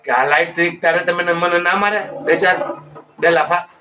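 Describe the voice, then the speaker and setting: A man's voice: high-pitched, fairly even intonation, normal speed, pitched above the performer's own voice, natural voice. A man voicing a puzzled village husband who keeps asking his wife why she is crying. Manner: questioning, insistent. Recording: distant mic with faint background noise.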